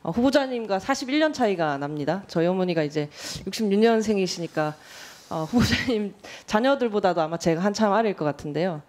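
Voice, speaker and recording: A woman in her thirties, a lawmaker, questioning a nominee in a formal hearing room in a measured, pointed and direct way. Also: medium pitch, animated, darkish tone. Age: 30s.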